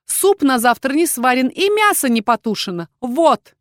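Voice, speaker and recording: A woman voicing a fiery, quick-tempered young witch heroine who speaks in loud, raised, indignant outbursts. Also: high-pitched, sing-song, no room sound, clean studio sound, pitched above the performer's own voice.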